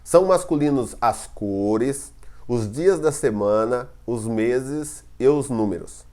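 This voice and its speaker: A man's voice: medium pitch, lively intonation, slow pace, warm tone. A man with a Brazilian Portuguese accent teaching a recorded grammar lesson, explaining step by step and often checking that the students follow. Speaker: Spanish teacher.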